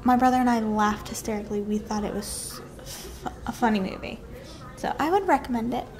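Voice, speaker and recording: A woman's voice: a little high, a crowd in the background. A young woman vlogging casually at home in an informal, rambling way, full of "like" and "kinda". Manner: informal, drawn-out asides with frequent "like" and "kinda". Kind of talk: casual daily vlog chat. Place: at home, indoors. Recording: clear background noise, home ambience.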